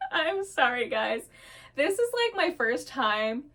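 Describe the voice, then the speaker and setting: Gushing woman talking fast, a bit high. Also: sing-song, fairly bright tone. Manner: rushed, gushing, rambling. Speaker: storyteller vlogger. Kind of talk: casual chat to camera about her characters. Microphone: camera mic, seated on camera.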